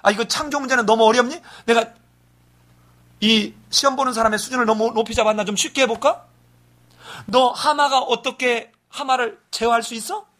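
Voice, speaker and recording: A pastor playing God, scolding and quizzing. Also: male voice, very high-pitched, fairly even intonation, normal speed, a bit bright. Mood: challenging. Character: God, stern mocking male deity.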